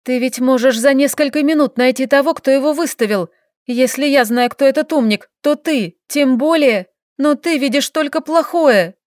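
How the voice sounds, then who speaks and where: A woman voicing a stern, guarded young woman in an audiobook, speaking in a sharp, reproachful way. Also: sits high, normal speed, dry recording, studio quality, voice pushed up, close to an everyday voice. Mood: accusing. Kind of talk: audiobook character reading.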